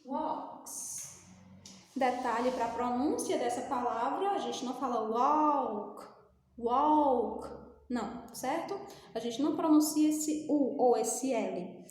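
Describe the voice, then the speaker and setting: A woman's voice: high voice, lively intonation, measured pace, a little mellow. A woman from Brazil with a Brazilian Portuguese accent, teaching English grammar in a recorded class, patient and explaining step by step while often checking in with the students. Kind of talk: recorded remote class lesson. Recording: echoey room, long reverb.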